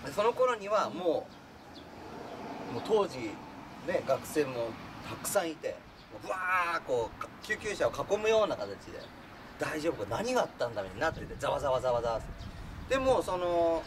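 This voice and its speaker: A man's voice: on the high side, very animated, fairly quick. A man telling a funny true story in a casual way, acting out the voices of the people in it and laughing as he goes. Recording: distant mic with clear background noise.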